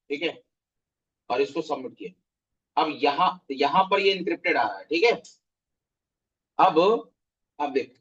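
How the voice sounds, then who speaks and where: A man leads a live online coding class and explains each step slowly, stopping often to check that his students follow. His voice is husky and sits a little high. The audio is dull and lo-fi. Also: fairly bright tone. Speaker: web development instructor.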